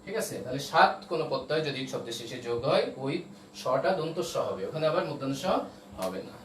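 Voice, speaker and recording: A man's voice: medium pitch, expressive, quick pace, a bit bright. A man teaching an online class, explaining step by step and often checking that his students follow. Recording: roomy echo, voice from a distance, faint noise.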